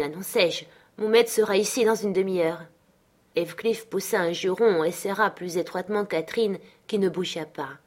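Woman narrating an audiobook, kinda low voice, very expressive and dramatic. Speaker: audiobook reader.

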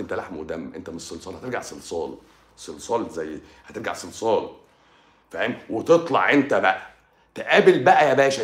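An Egyptian man preaches quickly and animatedly, his pitch swinging up and down as he keeps turning to the listener. He repeats his phrases for emphasis. The room around him sounds echoey. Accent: Egyptian Arabic. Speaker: religious speaker. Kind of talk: live stream religious talk.

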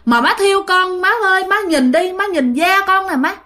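A woman's voice: very high voice, moderate pace, pushed and bright, voice pushed up. A woman voicing the ghost of a cremated father who pleads and complains that his skin is burning. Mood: wailing complaint. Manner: plaintive, pleading, repeating cries of heat.

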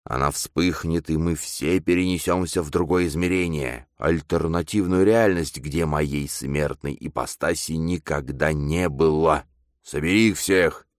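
Man plays a menacing possessed demon: hoarse, unhurried, very deep, dry. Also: no room sound. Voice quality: hoarse, growling. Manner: slow, grandiose, menacing.

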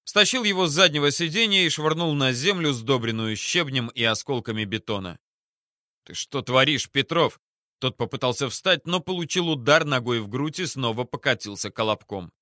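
A male audiobook narrator reads a first-person story at a calm, measured pace. His voice is bright and forceful, and he gives the menace a cool understatement. The recording is close and completely dry. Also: medium pitch, no echo.

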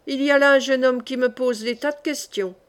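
A woman's voice: sits high, fairly even intonation, a little fast, close to an everyday voice. A woman voicing a young female servant, sleepy and wary, who answers in curt, guarded replies.

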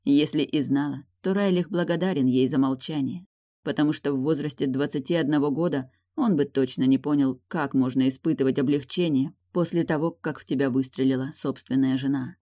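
Steady audiobook narrator. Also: mid-range voice, fairly quick. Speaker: audiobook reader. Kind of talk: scripted narration.

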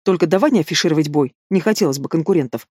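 A reader voicing a loud, brash winged male demon in an audiobook, booming and teasing. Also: expressive, rapid-fire, slightly rough, no echo, clean studio sound. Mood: boastful. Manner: booming, roaring with laughter. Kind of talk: audiobook character voice.

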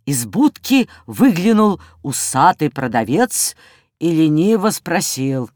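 A woman reads a children's story aloud, taking her time over each phrase. Her pitch moves a great deal, rising and falling with the story. The sound is close and dry, with no room echo. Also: slow pace. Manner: expressive, animated storytelling. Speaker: narrator. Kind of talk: children's audiobook reading.

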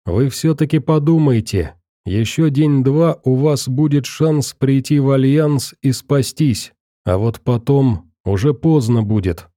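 Earnest young guy from the metro talking men round, man reading it, very dark mellow voice, dry. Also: medium pitch, a little slow, no room sound, natural voice. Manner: earnest, insistent. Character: young male metro survivor, persuasive and earnest.

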